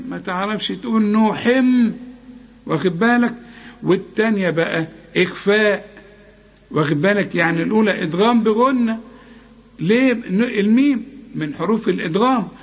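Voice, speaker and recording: A man with an Egyptian accent teaching Quran recitation one to one. He corrects his student, recites words slowly to show each rule, and asks and answers his own questions. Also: high voice, highs cut off. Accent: Egyptian Arabic.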